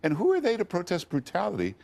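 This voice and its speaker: A man's voice: sits high, wildly swooping pitch, fast, vocal fry, a little mellow. A man who hosts a radio talk show, appearing as a panel guest and giving blunt, joking opinions. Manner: blunt and wisecracking. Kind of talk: commentary on a news panel.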